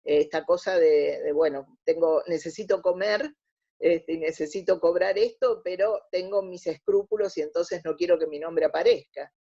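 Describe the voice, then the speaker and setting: Speaking with an Argentine Spanish accent, a woman from Argentina who studies radio drama explains things conversationally as an interview guest, frequently rephrasing partway through a sentence. Her voice is fairly low, dark, and husky at a moderate pace, with the top frequencies cut off.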